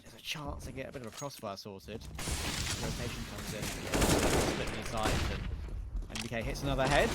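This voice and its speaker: A man calling live play-by-play in a game broadcast, playful and lively. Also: medium pitch, heavy background noise. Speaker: esports commentator. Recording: game gunfire behind voice.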